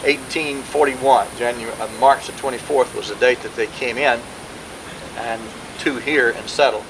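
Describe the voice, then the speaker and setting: A man's voice: medium pitch, steady tone. Man on hissy old VHS tape. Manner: rambling with many pauses and fillers. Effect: old VHS home video sound. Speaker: family historian speaking at a birthday gathering. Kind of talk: informal talk to relatives.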